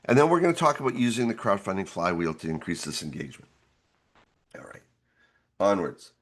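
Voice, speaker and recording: Hoarse man presenting a webinar. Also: fairly low pitch, sing-song, a little fast. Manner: earnest, explanatory. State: hoarse, gravelly from losing his voice. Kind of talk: instructional webinar talk.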